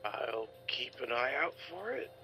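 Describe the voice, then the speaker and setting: A man's voice: medium pitch, sing-song, unhurried, vocal fry, over music. A man playing a tabletop role-playing game, easygoing and chatting casually with friends. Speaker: player. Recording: dull, lo-fi home recording.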